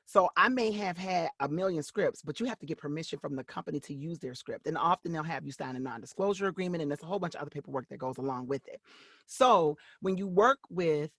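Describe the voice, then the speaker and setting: A woman voice-over actress talking about her career in an interview, animated and excitable. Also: low-pitched, fast, slightly rough, no room sound, studio quality. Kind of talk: casual interview talk.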